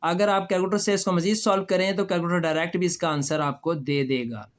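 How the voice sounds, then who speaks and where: A man's voice: high-pitched, fairly even intonation, fast. A man teaching a math lesson step by step, patiently asking questions and answering them himself. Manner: patient, addresses students as children, repeats questions and answers them. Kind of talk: step-by-step classroom lecture.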